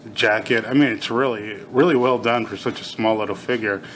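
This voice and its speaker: Middle-aged man, bright voice, numb half-mouth slur. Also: lowish voice, fairly even intonation, fairly quick, slight background noise, low-quality recording. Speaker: toy reviewer. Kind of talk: casual hands-on video review, unscripted.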